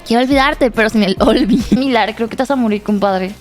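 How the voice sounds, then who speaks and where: A young woman giving casual gameplay commentary, laughing often, shouting at the game and reading pickup lines aloud. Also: on the high side, fairly quick, soft background music. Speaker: streamer.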